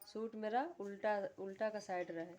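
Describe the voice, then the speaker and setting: Woman, tutorial host, medium pitch, steady instructional delivery, faint background hiss. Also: moderate pace. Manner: calm, repetitive instructional voice-over. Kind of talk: step-by-step sewing instruction.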